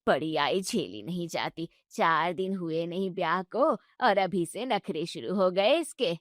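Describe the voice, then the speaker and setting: A woman's voice: on the low side, animated, unhurried, dry recording, clean studio sound, voice pushed down. A woman voicing a bossy mother-in-law who scolds her daughter-in-law sharply. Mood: scolding.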